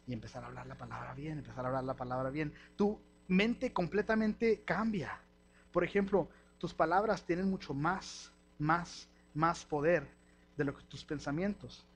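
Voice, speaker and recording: A middle-aged man with a Mexican Spanish accent, preaching a lively, slangy sermon and acting out the voices he quotes. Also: on the high side, a little hiss or hum.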